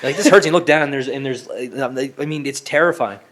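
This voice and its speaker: A man's voice: medium pitch, fast talker, a bit bright. A man co-hosting a podcast in casual, crude banter, joking and acting out little scenes. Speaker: podcast co-host.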